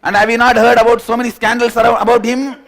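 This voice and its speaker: A high-pitched, nagging young woman, as a male preacher puts her on, fires question after question down the phone. She speaks Indian English, loud and scolding, and barely pauses for breath. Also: flat delivery. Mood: shrill scolding. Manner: shrill rapid scolding, repeating questions.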